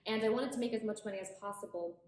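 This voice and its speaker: A woman's voice: mid-range voice, rapid-fire. A woman in her late twenties, originally from Ethiopia, speaking as a guest in a casual interview, upbeat and earnest, with frequent restarts. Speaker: guest, HR professional. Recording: very echoey room, faint ambient noise.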